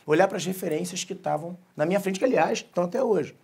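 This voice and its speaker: A man's voice: high voice, fast, creaky, a little mellow, slightly rough. A Brazilian man giving a comic keynote talk, telling family stories, joking and swearing freely. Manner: jokey, swears freely, acts out family dialogue. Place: conference stage.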